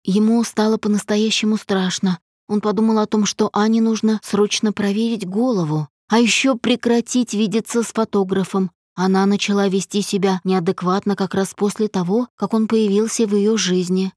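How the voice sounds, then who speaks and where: A woman narrating an audiobook in a calm, even, intimate reading. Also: mid-range voice, normal speed, few pauses, dry recording, clean studio sound.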